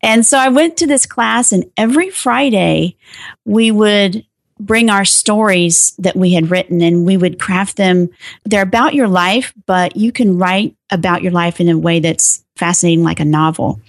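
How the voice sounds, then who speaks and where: A middle-aged woman, a guest telling her story in an interview, talking animatedly with sharp emphatic pitch rises. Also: normal speed, vocal fry, no room sound, studio quality. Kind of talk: personal interview.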